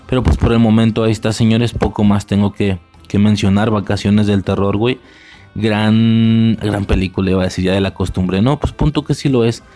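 A man's voice: on the low side, fairly even intonation, a little fast, warm tone, faint music behind. A young man with a Mexican accent giving a casual, rambling spoken film commentary, full of slang and filler words. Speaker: podcast host reviewing a film.

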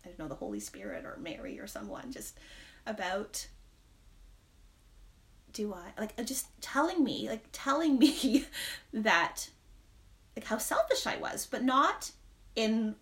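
A woman's voice: medium pitch, sing-song, unhurried, pauses often. A woman in her thirties, a podcast co-host, talking through personal reflections on faith in a rambling, candid way, laughing often. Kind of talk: casual faith chat.

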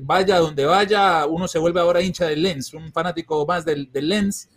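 A man's voice: on the high side, normal speed. A man from Colombia, a sports journalist and podcast guest, talking enthusiastically and rambling with fillers. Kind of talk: casual podcast chat.

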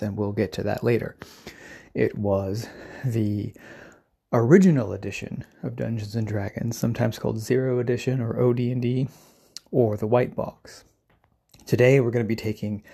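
A man's voice: on the low side, gravelly, mellow, husky. A man hosting a solo podcast, explaining things in an informal, discursive lecturing way. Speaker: podcast host.

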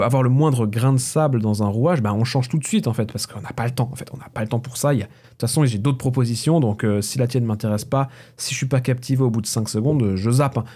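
A man's voice: medium pitch, mellow. A man in his thirties hosting a casual solo podcast, rambling and self-mocking with lots of fillers, close to a mic with a pop filter. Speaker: podcast host. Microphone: close microphone with pop filter.

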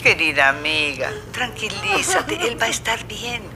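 A woman voicing a calm spiritual friend who gently reassures. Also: on the high side, a little slow, over a noisy crowd, heavily acted. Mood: reassuring. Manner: gentle, reassuring, explains calmly.

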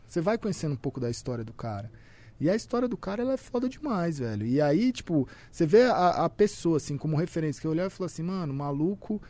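Young sp guy on a podcast, high voice, tons of filler words, super loose chat. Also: dark tone. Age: young adult. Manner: slangy, loose, full of fillers. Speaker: content creator, podcast guest. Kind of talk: casual chat.

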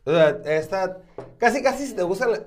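Brief: Mexican male podcast host, crude, swearing, joking, fairly high voice. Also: animated, brisk. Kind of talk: casual chat over beer tasting.

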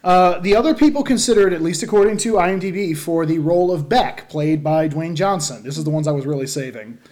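Casual movie podcast host, woman, lowish voice, chatty recaps with fillers and laughter. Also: animated, a little fast, a little mellow. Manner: recaps plot with frequent fillers and self-corrections; laughs often. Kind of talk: casual movie review chat.

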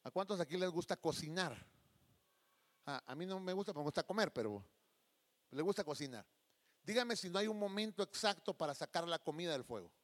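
A man's voice: high-pitched, expressive, brisk. A man preaching a sermon, telling a personal story and acting out the people in it. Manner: emotive, addresses listeners as beloved brother, acts out quoted voices.

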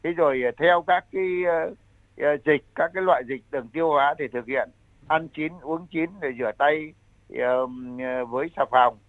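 Older man, health expert, halting explanations, fairly high pitch, phone-band sound. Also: dry recording. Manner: halting, repetitive, hesitant phrasing. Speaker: medical expert guest, senior health adviser. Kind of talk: interview answer, explanatory public health advice. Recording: thin phone-like line.

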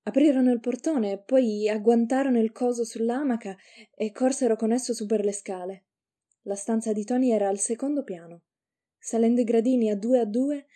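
A woman narrating a story aloud in a measured, unhurried way. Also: on the high side, warm tone.

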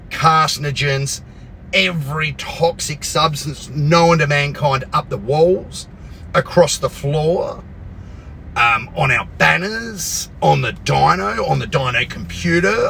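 A man's voice: on the high side, slow, vocal fry, pushed and bright, a little hiss or hum. An Australian man telling a casual workshop anecdote, blunt, sweary and sarcastic, acting out the dialogue as he goes. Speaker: car workshop owner and storyteller.

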